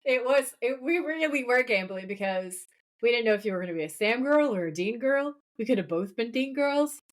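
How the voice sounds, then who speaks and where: A woman's voice: on the high side, animated, brisk. A woman co-hosting a podcast, chatting casually and enthusiastically with lots of fillers. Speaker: podcast co-host. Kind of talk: casual chat.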